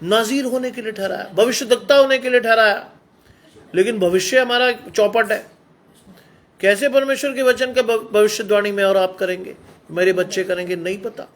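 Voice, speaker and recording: A man's voice: sits high, fairly even intonation, normal speed. A middle-aged man preaching a Hindi sermon, exhorting his listeners with rhetorical questions.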